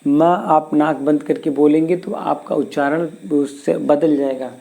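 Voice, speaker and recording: A man teaching Hindi grammar in a slow classroom lesson, repeating sounds and asking questions back to his students. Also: fairly high pitch, steady tone, vocal fry, warm tone.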